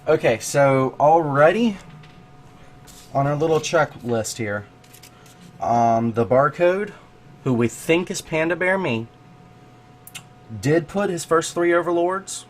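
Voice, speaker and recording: A man hosting a casual commentary on a game replay, thinking aloud as he checks what the player does. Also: mid-range voice. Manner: thinks aloud, grows excited at findings. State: has the hiccups. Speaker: host analyzing a match replay.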